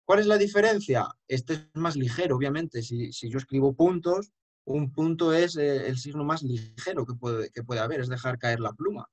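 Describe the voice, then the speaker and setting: A man's voice: mid-range voice, normal speed. A man giving an emphatic, explanatory lesson on chant and singing short examples. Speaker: chant teacher. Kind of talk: lecture with sung examples.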